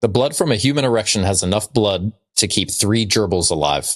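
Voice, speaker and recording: Co-hosting a podcast, a man with a fairly low voice chats casually, delivering trivia and jokes dryly in a loose comedic style. He's expressive and talks a little fast.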